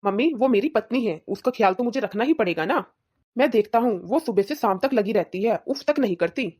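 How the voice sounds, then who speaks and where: A woman voicing a young married son in a cartoon, calm and reasoning. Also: fairly high pitch, fairly quick, slightly rough.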